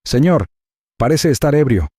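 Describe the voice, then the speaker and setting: A man voicing an arrogant male flight attendant who speaks in a sharp, accusing, commanding way. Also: on the low side, animated, brisk, no echo, studio quality.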